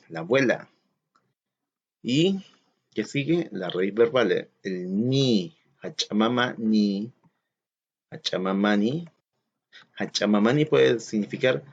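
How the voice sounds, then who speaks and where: A man gives a recorded school lesson at a middle pitch, patient and methodical. He counts aloud and poses questions to his students as he explains each step. The recording has a dull, lo-fi quality. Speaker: teacher. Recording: dull lo-fi sound.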